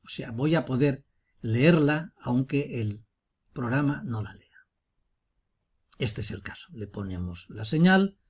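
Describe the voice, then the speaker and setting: Husky-voiced man explaining step by step. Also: mid-range voice, lively intonation, a little slow, a little mellow. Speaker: teacher. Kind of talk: screencast software tutorial.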